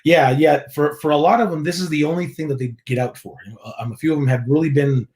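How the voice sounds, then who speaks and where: A man from Mexico who leads contemporary worship at a church chats easily as a guest in a casual interview. His voice is fairly high with a steady, darkish tone, and he talks fast, laughing often and restarting his sentences.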